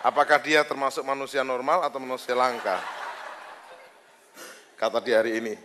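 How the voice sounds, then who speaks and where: A man preaching a lively, joking sermon as pastor, bantering with the congregation on a handheld mic. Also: mid-range voice, normal speed, noisy background. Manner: joking, teasing, talks casually with listeners. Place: church service hall.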